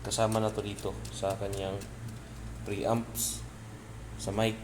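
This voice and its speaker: Speaking slowly in a fairly low voice with little pitch movement, a Filipino electronics repair presenter gives a relaxed hands-on tutorial and casually points out components along the way. The audio comes from a clearly noisy home-made video.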